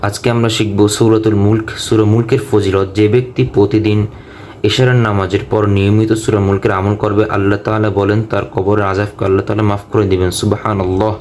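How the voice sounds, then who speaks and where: A man's voice: fairly low pitch, level tone, a little mellow, a little hiss or hum. Man spelling out recitation syllables. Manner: spells out each letter and vowel sign, then joins the syllables; brisk, matter-of-fact explaining. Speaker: Quran teacher. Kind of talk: step-by-step recitation lesson.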